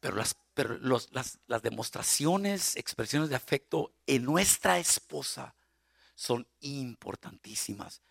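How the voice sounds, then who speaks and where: A man preaching a sermon on marriage as a guest pastor, animated, acting out spouses' lines and shouting for emphasis. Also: mid-range voice, unhurried, creaky, no echo, studio quality.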